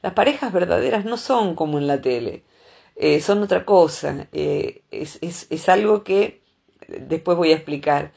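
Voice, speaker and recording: Husky low Rioplatense woman. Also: lively intonation, unhurried, a little mellow. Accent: Rioplatense Spanish. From Argentina. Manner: thoughtful, explaining with frequent hesitations. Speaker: psychologist. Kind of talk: explanatory talk on relationships.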